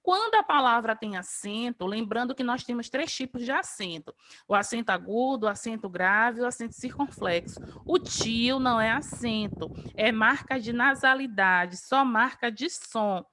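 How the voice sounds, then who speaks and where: A woman teacher gives an online grammar lesson in a slightly high voice. She explains patiently and slowly draws out each example word. A faint hiss sits under the video call audio. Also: lively intonation, pushed and bright.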